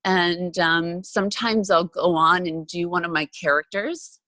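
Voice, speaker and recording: A woman speaks as a podcast guest in an easy, open, chatty way, often stopping for fillers. Her voice sits on the low side for a woman. The recording is dry and close, with no room sound. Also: steady tone, measured pace, bright, forceful tone, dry recording. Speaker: podcast guest, actress and former TV reporter. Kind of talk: casual interview conversation.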